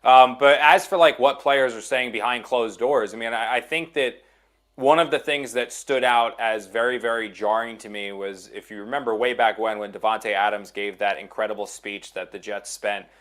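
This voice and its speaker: A man's voice: medium pitch, fairly even intonation, moderate pace, fairly bright tone. A man working as an NFL insider in a casual sports chat, emphatic and repeating phrases to drive his points home.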